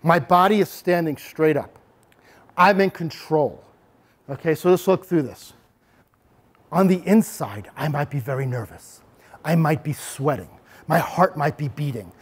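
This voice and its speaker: Man, high-pitched, workshop presenter, animated, demonstrates examples, talks to a live audience. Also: measured pace, pauses often, husky. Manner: animated, acts out examples with sudden voice changes. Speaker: bully prevention presenter. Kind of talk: interactive workshop talk to parents and kids.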